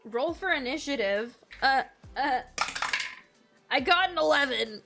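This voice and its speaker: A young woman game streamer chats casually and slangily with her viewers as she plays, her voice slightly nasal and congested. It sits high, with lively intonation, a measured pace, and a bright, forceful tone. Faint music plays behind her.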